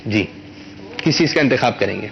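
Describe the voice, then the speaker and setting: A man hosting a children's quiz in a studio, coaxing the kids patiently and stretching words out slowly when he teaches. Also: medium pitch, lively intonation, vocal fry, muffled recording, a little hiss or hum. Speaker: quiz show host for children.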